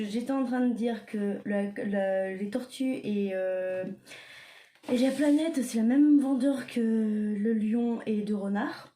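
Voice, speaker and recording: A woman's voice: medium pitch, dark tone. A young woman talking casually as she shows her collection, hesitant and full of fillers and self-corrections. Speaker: vlogger showing her diamond painting stock. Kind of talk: casual show-and-tell. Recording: clear background noise.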